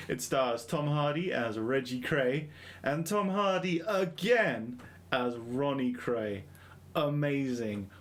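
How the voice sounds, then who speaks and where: A man's voice: mid-range voice, expressive, takes it slowly. Jokey man from London hosting a podcast. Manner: jokey, often laughing, loose and rambling. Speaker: podcast host. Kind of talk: casual film review chat.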